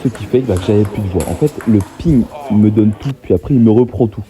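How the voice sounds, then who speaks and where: A young man talking over his own table tennis match, excitable and self-mocking. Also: fairly low pitch, fast. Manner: excitable, self-mocking, laughs often, swears casually. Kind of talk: casual match commentary voice-over.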